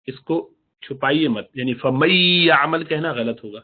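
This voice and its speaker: A man teaching a Quran recitation lesson, explaining the rules and slowly reciting and stretching out example words. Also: mid-range voice. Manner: drawn-out demonstrative recitation of examples. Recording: tinny phone-like audio.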